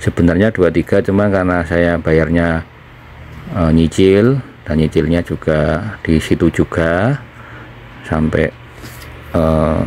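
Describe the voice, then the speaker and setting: A man from Indonesia explaining things in a casual chat as he eats, with pauses between phrases. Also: low voice, darkish tone, a little hiss or hum. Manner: talking while eating, with pauses. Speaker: vlogger, former trainee in Japan.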